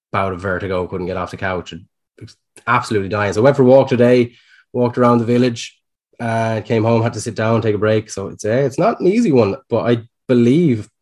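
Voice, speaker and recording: A man's voice: lowish voice, a little mellow. An Irish man co-hosting a podcast in casual, self-deprecating, sweary chat. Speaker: podcast co-host.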